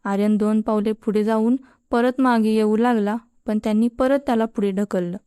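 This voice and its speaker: A woman narrating a story in a steady storybook reading style, voicing every character herself. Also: on the high side, moderate pace, clean tone, no echo, studio quality.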